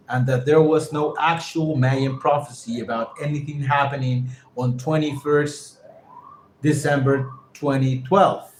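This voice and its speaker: A man whose first language is Spanish reads an English text aloud for a lesson, stopping to define words and repeat their pronunciations. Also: fairly high pitch. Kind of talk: reading a text aloud and explaining vocabulary. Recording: echoey room with faint ambient noise.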